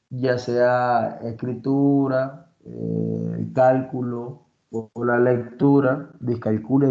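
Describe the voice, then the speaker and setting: A man's voice: medium pitch, warm tone, highs cut off. Man reading and explaining class criteria. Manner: reads criteria aloud, then explains with examples; frequent fillers and restarts, checks with "¿no?". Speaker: lecturer.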